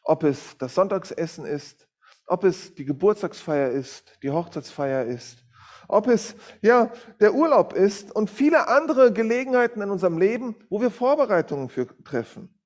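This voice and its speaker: A middle-aged man gives a sermon in a fairly high voice. He talks loosely, stops on fillers and corrects himself as he goes. He speaks to the congregation in a direct, plain way. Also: sing-song, normal speed, a little mellow. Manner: informal, with many fillers and self-corrections. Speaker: guest preacher from a Bible school. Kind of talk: sermon with a read-aloud story.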